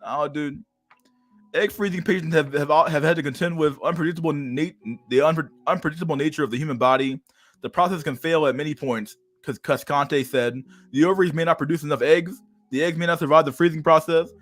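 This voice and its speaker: A man's voice: fairly high pitch, fairly even intonation, brisk, a bit bright, soft background music. A man in his thirties reading an article aloud on a stream, then breaking off into crude, mocking rants with frequent laughter. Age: 30s. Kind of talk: casual livestream commentary.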